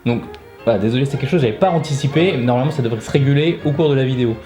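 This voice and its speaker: A man's voice: medium pitch, racing, warm tone, soft background music. A man teaching animation casually and informally, his speech slurred by a numb lip, as if his mouth cannot open fully. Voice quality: slurred, numb-lipped speech from dental anesthetic, mouth not fully opening. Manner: informal, explanatory, frequent tag words. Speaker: animation teacher and video host. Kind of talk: casual explanatory video lesson.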